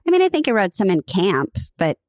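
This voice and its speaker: A woman's voice: medium pitch, wildly swooping pitch, brisk, darkish tone, no room sound, clean studio sound. A woman from Nebraska co-hosting a podcast, telling rambling stories in casual chat and laughing often. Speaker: podcast co-host.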